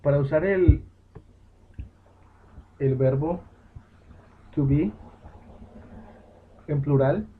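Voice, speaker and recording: A man patiently explaining grammar as a teacher, with fillers and self-corrections. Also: mid-range voice. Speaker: English teacher. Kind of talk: home-made lesson explaining grammar. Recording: tinny phone-like recording with faint noise.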